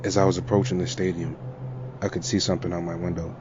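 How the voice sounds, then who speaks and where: A man's voice: low voice, level tone, fast talker, darkish tone, a little hiss or hum. A man narrating a first-person horror story in a tense, dramatic way. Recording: lo-fi with music and crowd sound.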